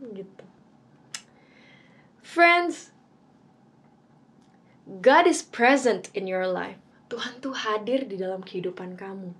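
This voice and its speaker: A woman giving a casual youth devotional talk in a chatty way, with many fillers, and reading scripture dramatically. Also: mid-range voice. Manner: dramatic reading with voiced quotes. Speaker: youth speaker.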